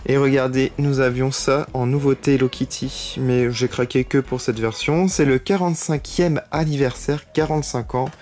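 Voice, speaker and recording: A man with a French accent chatting his way through an unboxing, excited and full of little fillers. His voice sits at an ordinary middle pitch. Faint music plays quietly underneath. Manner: enthusiastic, chatty, lots of fillers. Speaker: YouTube collector unboxing figurines. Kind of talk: casual unboxing vlog.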